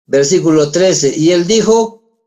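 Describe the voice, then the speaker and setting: A man's voice: high-pitched, takes it slowly, dark tone. A middle-aged man, preaching a sermon in a conversational way, asking the congregation rhetorical questions. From Peru. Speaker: pastor.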